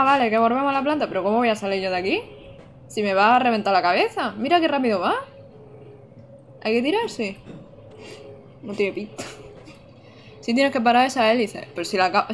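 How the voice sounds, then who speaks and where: Woman, live game streamer, casual chat, frequent laughs, slightly high voice, faint noise behind. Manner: chatty, laughs often, reads chat aloud. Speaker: streamer playing a video game.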